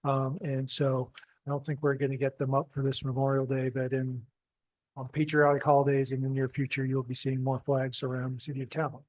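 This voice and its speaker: A man giving civic announcements as a city official, in a halting, hesitant way. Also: mid-range voice, completely flat delivery, poor audio. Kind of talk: informal public announcements.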